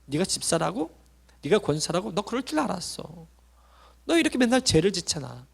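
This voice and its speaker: Preacher doing a hushed, sneering male devil that taunts and accuses. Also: sits high, sing-song, brisk, creaky, husky, heavily acted.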